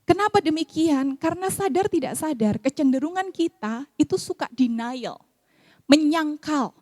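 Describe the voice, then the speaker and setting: A woman, preaching and counseling in a lively sermon style. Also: sits high, normal speed, dry recording. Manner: lively, acts out quoted voices. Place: church.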